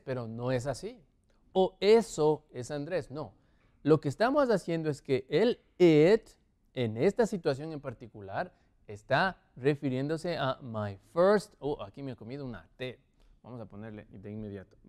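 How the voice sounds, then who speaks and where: A man teaching English to Spanish speakers, slowly drawing out each model phrase as he explains at a board. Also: a little high, a little mellow.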